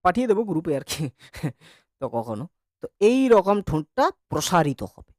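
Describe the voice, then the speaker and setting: A man's voice: on the high side, sing-song, normal speed, a little mellow, a little hiss or hum. A man teaching an online grammar class, chatty and joking as he drills vowel sounds with his students.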